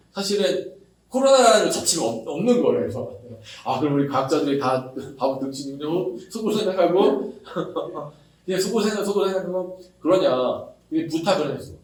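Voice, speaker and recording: A man preaching a casual sermon to young adults, animated, acting out quoted voices with chatty asides. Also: high voice, distant mic. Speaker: pastor. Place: church worship hall. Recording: roomy echo, speaker away from mic.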